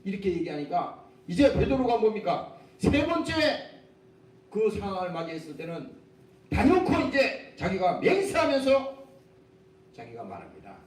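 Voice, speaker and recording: A man preaches a Sunday sermon with a high, lively voice that rises and falls constantly. He drives his points with rhetorical questions and acts out quoted dialogue. The recording comes from a distance in a roomy church, with a faint low rumble underneath. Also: moderate pace, long pauses. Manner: emphatic, punctuates with "어?" and rhetorical questions. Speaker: pastor. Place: church sanctuary.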